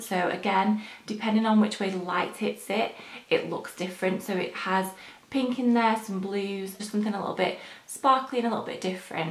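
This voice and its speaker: A young adult beauty vlogger chats casually while applying makeup, rambling and filling pauses with frequent ums. Her medium-pitched voice is a little hoarse from the early morning, and the sound is roomy and echoey, as in a bare bedroom.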